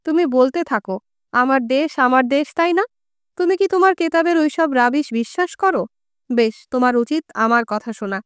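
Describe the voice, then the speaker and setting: A woman's voice: high-pitched, lively intonation, normal speed, smooth, no echo, studio quality. A woman voicing a coarse, brooding old Greek man who speaks in crude colloquial talk full of curses, in an audiobook reading. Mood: challenging.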